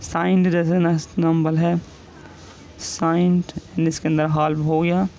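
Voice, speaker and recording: Gravelly-voiced man teaching a lesson. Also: fairly high pitch, little pitch movement, warm tone. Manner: patient, repeats each example word slowly. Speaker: shorthand teacher. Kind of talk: explaining a lesson step by step. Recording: dull lo-fi sound with faint hiss.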